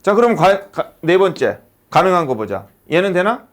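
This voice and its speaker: Male teacher, classroom lesson, slightly high voice, lively pitch, rapid questions to students. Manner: animated, asks constant rhetorical questions. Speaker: high school English teacher.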